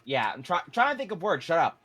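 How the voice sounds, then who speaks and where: Lively-pitched joking friend. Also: quick pace. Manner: joking, gives game advice. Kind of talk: casual gaming chat.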